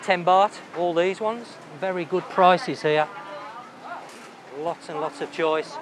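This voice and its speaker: Hosting a walking tour of a crowded night market, a man speaks slowly in a high-pitched voice, eagerly musing on the food around him. He records on a handheld camera as he walks, with loud market noise all around.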